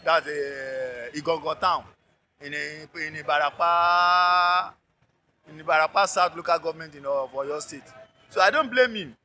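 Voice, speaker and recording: Halting Nigerian man, very bright high voice. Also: faint music behind. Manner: halting, restarts and repeats words. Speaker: interviewee. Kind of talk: roadside street interview. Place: outdoors by a road.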